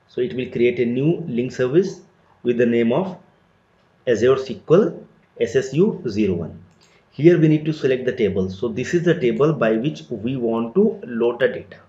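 A tutorial instructor walks through a software setup step by step, his plain, methodical voice at an ordinary middle pitch and full of "so" and "let me". The room sounds roomy and somewhat dull, and a nearby keyboard can be heard typing.

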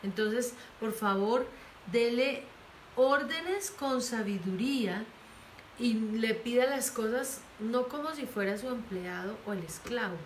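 A woman pastor preaching with earnest pleading, urging parents to speak gently. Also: fairly high pitch, takes it slowly. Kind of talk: sermon. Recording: echoey room with faint noise.

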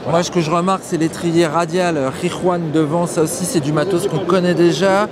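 Fast, high-voiced male interviewer at a loud trade show. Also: steady tone. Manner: brisk, enthusiastic, short interjections. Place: busy indoor trade show hall. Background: loud trade show crowd noise.

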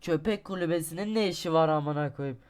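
A young man commenting on his own gameplay, talking to himself, boasting and cursing, with sudden shouting outbursts. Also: a little high, a little fast, slight background noise. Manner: swearing, shouting outbursts at the game; self-talk, boastful then exasperated. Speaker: gaming streamer. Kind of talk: let's-play commentary.

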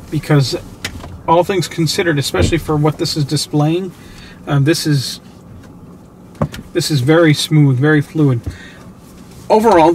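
Driving along, a man hosts his own channel, narrating casually in an excited, chatty way full of fillers, his voice a little high. A camera on a suction mount records him inside the moving car, and road noise fills the cabin.

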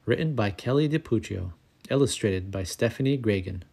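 A man narrating a children's picture book aloud, calm and clear, as the channel's storyteller. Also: fairly low pitch, normal speed.

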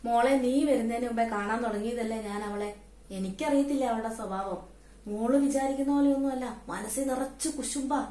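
A woman with a Kannur Malayalam accent playing a scheming mother-in-law who speaks in slow, hushed, confiding gossip in a family comedy skit. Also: fairly high pitch, reverberant, lightly acted. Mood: sly, confiding. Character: scheming mother-in-law stirring up her daughters-in-law.

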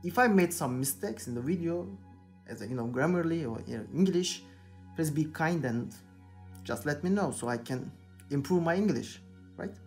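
With a mid-range, slightly mellow voice, a young Turkish channel host paints a figure at his indoor workbench. He chats casually in accented English, pausing to search for words and frequently saying "you know."

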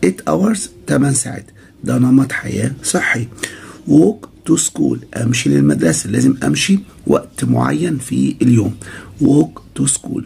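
A man with an Egyptian Arabic accent teaching children English vocabulary, saying each word slowly several times and then explaining it. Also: mid-range voice, very animated, vocal fry, a little mellow, husky.

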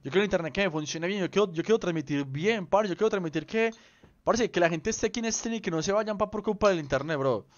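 A man's voice: high voice, lively intonation, fast, no echo. A young man chatting casually with viewers on a game livestream, playful and rambling, full of slang. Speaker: streamer. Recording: slightly dull lo-fi stream audio.

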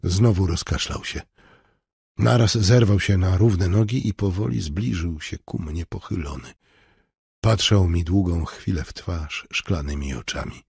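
Male narrator for an audiobook, somber and measured; slow, dry close sound. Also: deep voice, vocal fry, a little mellow, slightly rough, no echo. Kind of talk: scripted first-person narration.

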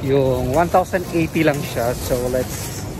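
A man's voice: medium pitch, slow pace, low-quality recording. A man vlogging casually on a city street, talking through a face mask and mixing Tagalog with English. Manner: chatty, mixing Tagalog and English with bits of Japanese. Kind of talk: casual vlog, walking and shopping. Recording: loud music over street sound. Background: loud background music.

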